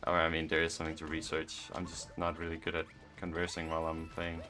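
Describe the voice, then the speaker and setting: Monotone deep-voiced young man rambling. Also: quick pace, over music. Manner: monotone, rambling, musing aloud. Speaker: gaming vlogger. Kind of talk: casual gameplay commentary.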